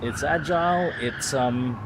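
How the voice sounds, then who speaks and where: A man's voice: medium pitch, takes it slowly, noisy background. A man with an Australian accent streaming a racing sim, thinking aloud as he tunes a car and chatting with viewers, swearing now and then. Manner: swears casually. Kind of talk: casual live-stream commentary.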